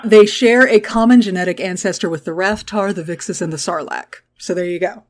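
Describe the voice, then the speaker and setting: A young adult woman hosting a podcast, recapping a show in casual chat, profane and giggly with quick asides. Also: on the low side. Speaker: podcast host.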